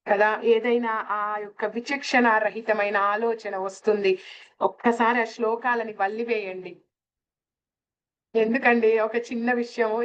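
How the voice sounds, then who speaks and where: A woman's voice: fairly high pitch, dull audio. A woman giving a spiritual lecture on scripture, often asking her listeners rhetorical questions and addressing them fondly. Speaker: devotional speaker.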